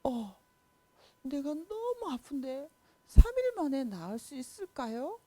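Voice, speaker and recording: A woman voicing a sick young king who pleads and wails in a high, tearful voice while telling a children's Bible story. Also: big pitch swings, slow, dark tone, heavily acted. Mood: doubtful. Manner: high-pitched, wailing.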